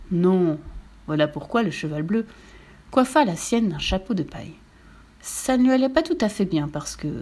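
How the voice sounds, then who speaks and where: Woman, storyteller, children's book reading, lively, playful, mid pitch. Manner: lively, playful, asks listeners questions.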